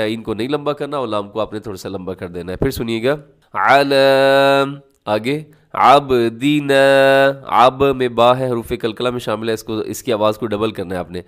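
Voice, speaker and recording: A man teaches the rules of Quran recitation. He explains each point in a smooth, resonant voice, then stretches the example words out slowly and loudly. He often asks the class questions and then answers them himself. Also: mid-range voice. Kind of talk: tajweed lesson.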